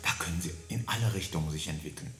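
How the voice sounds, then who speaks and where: A man leading a singing warm-up lesson, coaching listeners and demonstrating syllables and vowels in a high falsetto. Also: fast talker, echoey room. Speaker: singing teacher.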